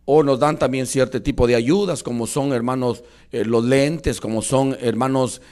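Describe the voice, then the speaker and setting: A man preaching a sermon as pastor in a church, impassioned and often loud, constantly addressing the congregation as brothers and pausing with hesitations. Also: medium pitch, steady tone. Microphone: church microphone with a loose cable.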